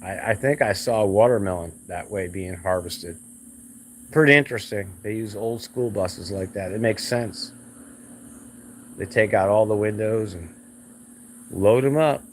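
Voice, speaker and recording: A man's voice: on the low side, measured pace, pauses often, a little hiss or hum. Blunt rambling man vlogging outdoors. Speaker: realtor vlogger. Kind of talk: casual vlog rant. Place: outdoors by a road.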